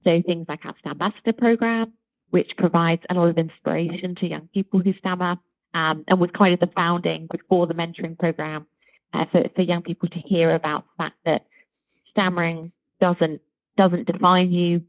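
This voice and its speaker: A woman's voice: on the low side, fairly even intonation, a little fast, no room sound. Woman speaking over a tinny line. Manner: articulate, enthusiastic and fluent. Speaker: charity chief executive, interview guest. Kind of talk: conversational interview. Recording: tinny phone-like remote line.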